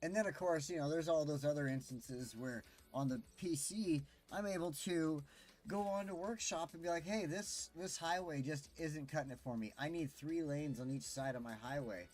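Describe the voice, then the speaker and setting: A man's voice: fairly high pitch, moderate pace, a little mellow. A man streaming a city-building game, delivering an impassioned, pleading rant with swearing. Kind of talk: ranting gameplay commentary.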